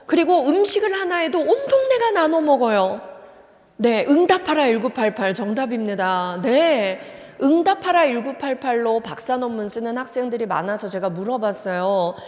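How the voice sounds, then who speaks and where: Female professor as seminar speaker, lively and a bit high-pitched, asks the crowd questions, long hall reverb. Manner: animated, acts out quoted lines, asks the audience questions. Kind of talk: church seminar lecture. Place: church hall.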